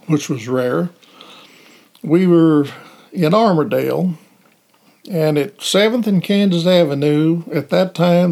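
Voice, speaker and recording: Gravelly cop guy telling a chase story, kinda high voice, plain and steady. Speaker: police officer. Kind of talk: casual storytelling interview.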